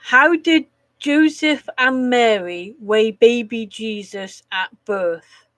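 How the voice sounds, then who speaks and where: On a casual live stream, a woman whose voice is slightly nasal from a cold tells corny jokes, giggles at them, groans at bad puns and swears now and then. Her voice is on the high side and a bit bright, she takes it slowly, and there's no room sound.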